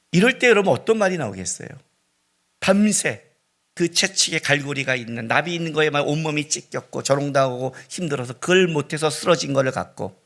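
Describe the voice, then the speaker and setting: A middle-aged man preaching a sermon as pastor, swinging between loud cries and hushed, near-whispered lines. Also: a little high. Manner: dramatic preaching with sudden loud rises and hushed drops.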